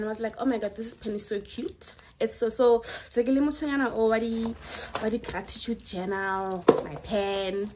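In her bedroom at home, the young vlogger excitedly shows off her shopping haul, mixing Setswana and English in a Setswana-accented voice that sits slightly high. Heavy background noise fills the clip.

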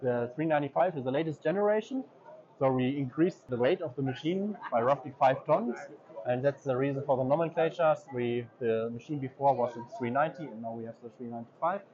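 An equipment dealer representative shows visitors around a trade fair booth in a large indoor exhibition hall, speaking hesitantly with many ums and uhs. His medium-pitched voice is a little fast and a little mellow, and the slightly dull audio picks up faint hall noise.

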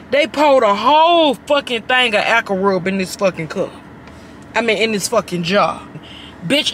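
Casting: young female vlogger, high voice, expressive and brash comic reactions, unhurried pace, recorded in a car. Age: young adult. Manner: brash, heavily profane, exaggerated and expressive. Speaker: vlogger doing a taste-test reaction. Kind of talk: casual comedic reaction vlog. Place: inside a parked car. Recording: background noise inside a car.

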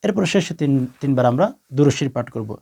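A man with a Bangladeshi accent, giving a religious instruction talk as a preacher, with emphatic rising bursts and slow, drawn-out recitation. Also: mid-range voice, expressive, gravelly, warm tone, slightly rough. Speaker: Islamic preacher.

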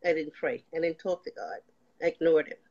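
A woman's voice: low voice, fairly quick, dark tone. An older woman giving a personal faith testimony as a guest, telling her story and acting out past conversations. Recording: slightly dull lo-fi sound.

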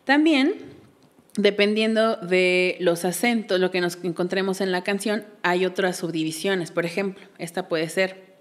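A woman's voice: lowish voice, unhurried. A woman, a belly dance teacher, explaining patiently in a casual interview and counting beats aloud.

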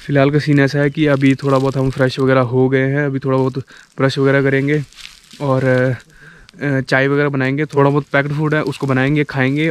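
A young man in his twenties vlogging from a forest campsite, talking casually with lots of fillers as he shows viewers around. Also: mid-range voice. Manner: chatty, filler-heavy, guiding viewers around. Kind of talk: casual travel vlog. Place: outdoors in a pine forest campsite. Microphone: action camera held at arm's length.

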